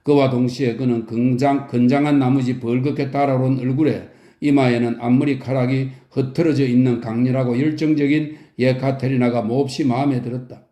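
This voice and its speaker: A man reading a novel aloud as a calm, soothing bedtime audiobook narrator. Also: mid-range voice, a little fast, few pauses, roomy sound.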